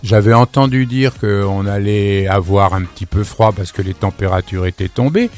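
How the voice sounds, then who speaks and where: A man with a lowish voice hosts a radio show from a studio, speaking at a normal pace into a broadcast microphone with faint music behind him. He's chatty and exclamatory, drifting into asides as he presents and interviews his guests.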